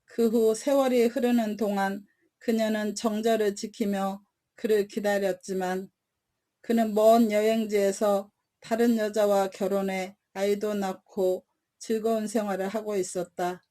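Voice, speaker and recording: A woman telling bedtime stories in a calm, even reading. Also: mid-range voice, a little slow. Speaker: storyteller.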